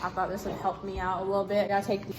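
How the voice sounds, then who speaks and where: A woman's voice: mid-range voice, completely flat delivery, very fast, low-quality recording. A young adult woman, a student vlogger, chatting casually to the camera in an informal, slangy, rambling way. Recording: noticeable background ambient noise.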